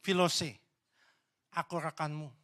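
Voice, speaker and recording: A man preaching a sermon in a church. His voice sits high and sounds bright and forceful. He fires loud, emphatic questions at the congregation, then drops into hushed, low asides. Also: level tone, takes it slowly. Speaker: pastor.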